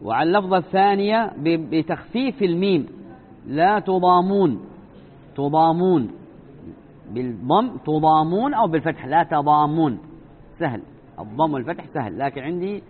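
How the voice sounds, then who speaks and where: A man teaching a religious lesson, explaining slowly, repeating and stretching key words and asking rhetorical questions. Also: fairly high pitch, expressive, slight background noise. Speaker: sheikh teaching Islamic creed. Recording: tinny phone-like lecture recording.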